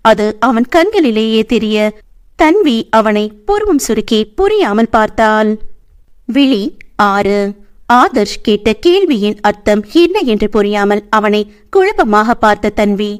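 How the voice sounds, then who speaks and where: A woman's voice: a little high, a little slow, smooth. Woman reading a romance audiobook. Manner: steady storytelling reading. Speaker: audiobook narrator. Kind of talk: scripted narration.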